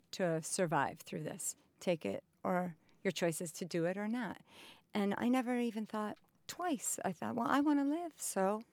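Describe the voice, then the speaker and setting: Woman in her fifties, patient advocate; slow halting delivery, gravelly edge, close dry sound. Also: mid-range voice, a little mellow, no room sound. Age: 50s. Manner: slow and halting, many pauses and fillers. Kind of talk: recorded interview. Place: indoors, cultural center.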